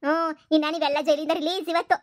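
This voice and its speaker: A woman's voice: sits high, flat delivery, quick pace, dry recording, clean studio sound, natural voice. A woman voicing a stern female police officer in a cartoon comedy, warning. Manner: stern, warning, lays down conditions.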